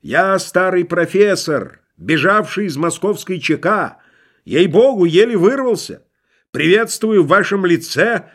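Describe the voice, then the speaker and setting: A man's voice: sits high, lively intonation, unhurried, fairly bright tone, voice pushed up, full character voice. A man voicing a grandiose, scheming middle-aged con man in an audiobook reading, theatrical and ironic. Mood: pleading.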